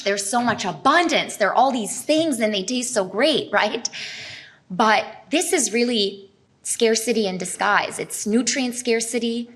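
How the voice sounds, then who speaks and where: Speaking at a health expo, this middle-aged woman from Serbia explains things earnestly to a live crowd, pausing now and then to ask them something. Her voice sits at an ordinary mid-height for a woman and has a slightly bright quality.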